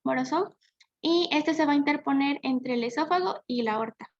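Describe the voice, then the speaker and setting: Young woman, student presenter, hesitant, self-correcting, high pitch, dull lo-fi sound. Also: a little fast, dry recording. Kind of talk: class presentation. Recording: dull lo-fi dry recording.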